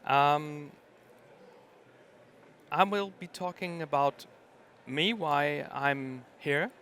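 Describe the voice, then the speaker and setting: A man's voice: on the high side, drawn-out words, a bit bright. A middle-aged man from Germany, giving a conference talk and hesitating often with ums and uhs. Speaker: conference speaker.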